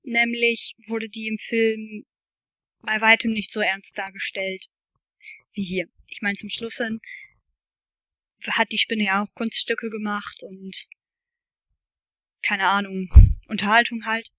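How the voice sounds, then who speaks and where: Bright woman reading and chatting. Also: mid-range voice, level tone, takes it slowly, long pauses, dry recording. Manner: chatty, with fillers. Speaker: channel host reading a novel aloud. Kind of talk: reading a novel aloud with casual commentary.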